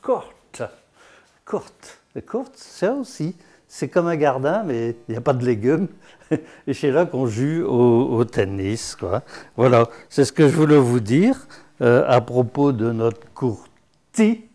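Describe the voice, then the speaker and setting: A man's voice: medium pitch, animated, measured pace, dark tone. An older man giving a chatty, teasing dialect lesson full of asides. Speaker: patois teacher.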